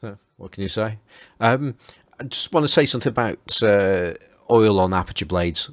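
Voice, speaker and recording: A man's voice: on the low side, expressive, moderate pace, no echo. A man with a Stoke accent in a casual chat, speaking hesitantly and qualifying what he says. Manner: hesitant, qualifying his statements. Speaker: panelist discussing vintage lenses.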